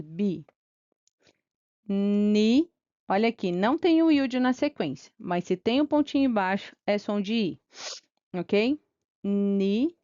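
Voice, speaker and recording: Slow, patient woman teaching. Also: medium pitch, a little mellow, no room sound, dull audio. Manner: patient, spells out sounds one by one, checks with "tá?". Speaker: Hebrew teacher. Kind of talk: slow reading lesson, syllable by syllable.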